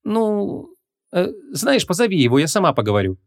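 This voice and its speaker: Guy voicing a bubbly young cop woman, high and playful, audiobook. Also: sing-song, moderate pace. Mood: lively.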